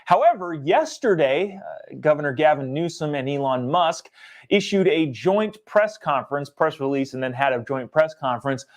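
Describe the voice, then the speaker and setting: A young man hosting a live political talk stream, giving casual commentary and reading viewer comments aloud in an animated way. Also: fairly high pitch, moderate pace. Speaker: livestream host.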